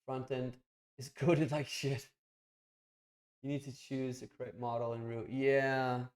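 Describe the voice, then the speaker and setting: A young man is live streaming, thinking aloud and clicking through his screens while he chats bluntly and swears a bit. His voice has medium pitch, a level tone and a darkish quality, and he speaks a little slowly. It's casual live stream chat.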